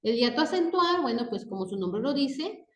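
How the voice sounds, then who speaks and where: A woman's voice: on the high side, big pitch swings, normal speed. A woman teaching a grammar lesson. She reads example words one at a time and checks in with a rising "¿sí?" after each point. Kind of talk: slow spoken grammar lesson. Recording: echoey room.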